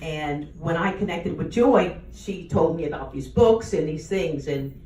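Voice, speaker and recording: Animated adoptive mother, storytelling delivery, roomy distant sound. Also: deep voice, unhurried, a little hiss or hum. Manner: animated storyteller, laughing as she talks. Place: book launch event room. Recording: roomy sound, mic far off.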